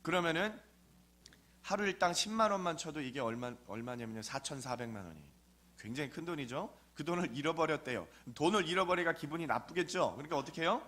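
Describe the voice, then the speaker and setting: A man's voice: fairly high pitch, lively intonation, fast talker, fairly bright tone. A man preaching a sermon in a conversational storytelling way, often asking his listeners questions. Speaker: pastor.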